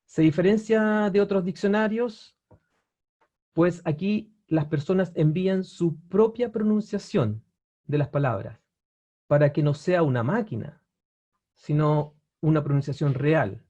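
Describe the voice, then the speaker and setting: Expressive and unhurried, a man with a fairly high, warm voice teaches an online webinar about language-learning websites, though the recording is muffled. The language teacher explains at an easy pace, uses lots of fillers and restarts, and checks in with viewers often.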